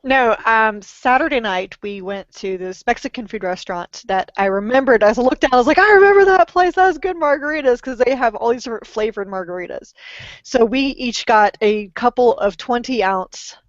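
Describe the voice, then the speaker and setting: A woman's voice: mid-range voice, normal speed, no echo, muffled recording. A middle-aged woman with a lingering cough, telling stories in a chatty, self-mocking way as a podcast co-host. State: lingering cough after illness. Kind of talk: casual chat.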